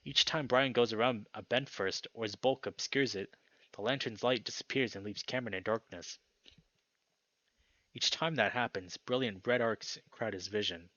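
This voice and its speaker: Loud game music plays while a young adult man reads a visual novel aloud, mixing in offhand remarks as the video's host and narrator. He speaks in a lowish voice at a moderate pace. The recording is dry and lo-fi.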